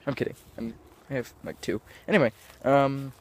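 A teenage boy rambles in a jokey, self-mocking selfie vlog, holding his phone at arm's length. His voice is medium-pitched, steady and moderately paced, but nasal and congested from blocked sinuses. He starts outdoors in cold woods and later moves indoors.

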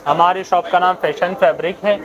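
High-voiced male shopkeeper pitching suits. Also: steady tone, moderate pace, highs cut off, crowd noise. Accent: Pakistani Urdu. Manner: explains goods patiently, repeats product names. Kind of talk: sales pitch to camera.

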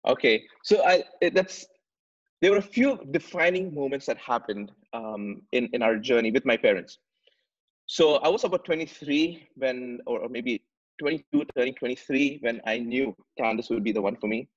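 With a medium pitch, lively intonation and normal speed, a Dubai man in his thirties shares his story earnestly as a podcast guest. Over slightly muffled video call audio from a home room with plants and shelves, he talks conversationally and often repeats words while looking for phrasing.

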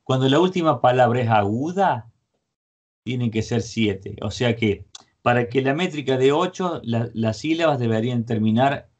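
A man's voice: medium pitch, moderate pace, muffled recording. A man giving an online songwriting lesson, explaining verse meter and singing short example lines. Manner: sings short melody lines between spoken explanations. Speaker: guitar and songwriting teacher. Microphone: video call.

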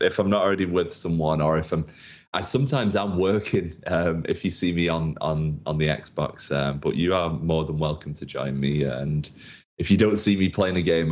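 Very deep-voiced hesitant man. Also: darkish tone. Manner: hesitant, many ums, friendly. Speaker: community stream host. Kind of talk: casual livestream chat. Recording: dull lo-fi stream audio.

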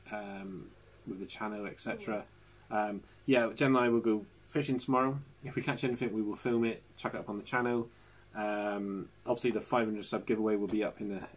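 Host, man, lowish husky voice, relaxed live-stream chatter from home. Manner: chatty, warm toward viewers, laughs often. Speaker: channel host. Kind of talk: casual live stream chat. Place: home living room.

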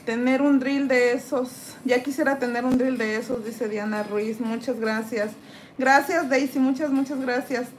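A chatty woman from Mexico, talking in a somewhat high voice as she files acrylic off her nails. She reads viewer comments aloud, answers them and greets each viewer by name. A faint hum of the nail drill and the room sits under her voice. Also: fairly even intonation, a little slow. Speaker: nail tech streamer. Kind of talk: casual live-stream chat. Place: indoors at a nail desk.

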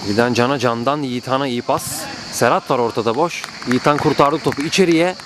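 A man doing live play-by-play football commentary, excitable, with calls that rise to drawn-out screams at goals. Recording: noisy outdoor pitch, background ambience.

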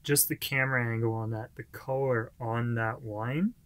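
A man's voice: mid-range voice, steady tone, a bit bright, dry recording. A young man reacts to a food video in a small room and talks in a casual, reflective way, often stretching out his phrases. His voice sounds dry and close. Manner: chatty, reflective, drawn-out phrasing. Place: small indoor room with posters.

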